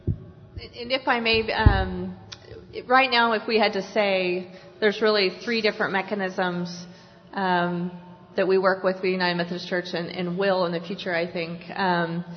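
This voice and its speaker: A woman answering a question at a panel discussion, explaining her points in a measured way with occasional fillers. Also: medium pitch. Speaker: partner organization spokesperson. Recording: reverberant hall, dull lo-fi sound.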